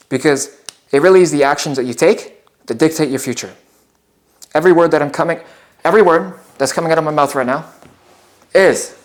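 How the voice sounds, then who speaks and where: A nineteen-year-old man giving a casual, rambling motivational talk, calling his viewers guys and bro and checking in with "okay?". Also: on the high side. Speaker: motivational vlogger. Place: at home near the kitchen.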